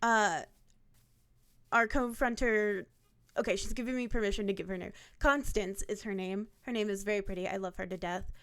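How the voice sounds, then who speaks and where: A woman's voice: mid-range voice, moderate pace, fairly bright tone, smooth. A woman in her twenties from Ohio, chatting casually on a stream with many fillers. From Ohio, USA. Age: 20s. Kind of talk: casual chat.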